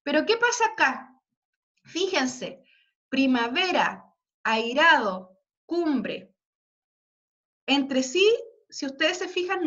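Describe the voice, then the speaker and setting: A woman's voice: high-pitched, fairly bright tone. A woman teacher giving a classroom lesson, patiently spelling out examples and checking understanding with frequent tag questions. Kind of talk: classroom lesson explaining poetry. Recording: dull lo-fi recording.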